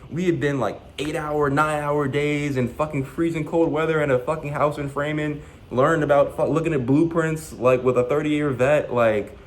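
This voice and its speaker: A man's voice: medium pitch, slight background noise, rough recording. A young man vlogging, telling a story in a loose, profane, slangy way and acting out the dialogue. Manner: animated, profane, slangy retelling with quoted dialogue. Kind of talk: casual storytelling.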